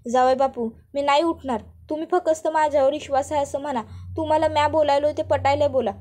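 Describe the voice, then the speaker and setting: A woman's voice: high voice, fairly even intonation, fast talker, dark tone, natural voice. A woman voicing a middle-aged village mother who protests and wails theatrically, pleading in rural dialect.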